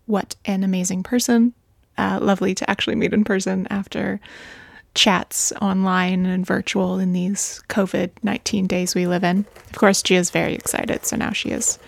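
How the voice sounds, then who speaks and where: Woman doing a slow chatty audio diary at home, kinda gravelly, lots of half whispering, handheld mic, dry sound. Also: medium pitch, no room sound. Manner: soft, often slips into a whisper. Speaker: podcast host.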